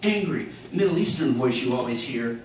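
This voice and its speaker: Male stand-up comic, deadpan delivery, slightly high voice, recorded from far off in a noisy club. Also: moderate pace. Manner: deadpan one-liners with chuckles. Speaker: stand-up comedian. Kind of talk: stand-up comedy set. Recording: echoey club audio from a distance. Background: audience laughter and room noise.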